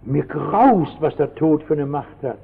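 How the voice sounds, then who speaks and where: A man preaching a sermon in a church, fervent and dramatic, telling a story with sudden shouted lines. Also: on the high side, animated, a little slow, gravelly, breathy edge. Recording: tinny old radio broadcast with long hall reverb.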